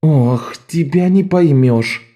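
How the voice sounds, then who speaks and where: A man voicing a bossy, sharp-tongued young girl thief who leads a gang of boys, scolding and commanding. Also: fairly high pitch, slow pace, pitched above the performer's own voice. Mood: exasperated.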